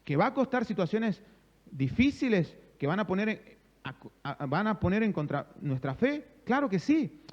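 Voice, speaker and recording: A man's voice: sits high, very animated, normal speed, big-room sound, lo-fi sound. A male pastor with a Rioplatense Spanish accent preaching a sermon, calling on the congregation to answer and acting out conversations. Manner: preaching with call-and-response, acting out dialogues. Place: church sanctuary.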